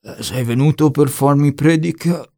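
A man voicing a wounded, bitter hitman who speaks slowly and sneers. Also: on the high side, warm tone, voice pushed up, natural voice. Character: wounded male Romanian hitman, bitter and sly.

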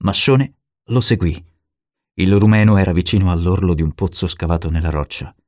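A man reading a novel aloud as narrator in a steady, measured way. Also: deep voice, dry recording, clean studio sound. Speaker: audiobook narrator. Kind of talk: scripted narration.

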